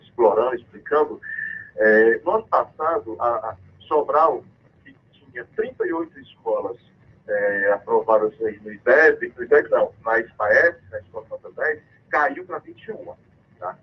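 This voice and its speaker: A man's voice: medium pitch, sing-song, moderate pace, breathy edge. A man Brazil's Northeast calling into a radio show on a crackly, cutting-out phone line, speaking in an emphatic, accusatory and defiant way. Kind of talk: impassioned phone-in denunciation.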